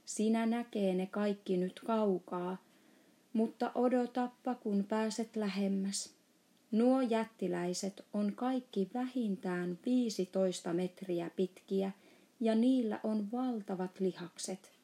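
A woman's voice: medium pitch, mellow, lightly acted. A woman voicing a big friendly male giant in a storybook reading, playfully mangling his words. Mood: emphatic.

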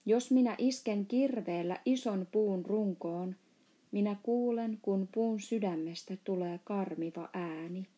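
A big, soft-hearted male giant from a storybook talks in a mellow, warm voice, as a woman reading aloud puts him on. He trips over his grammar and invents words of his own, and his voice stays gentle and unhurried. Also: medium pitch, natural voice. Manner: mangled grammar and made-up words.

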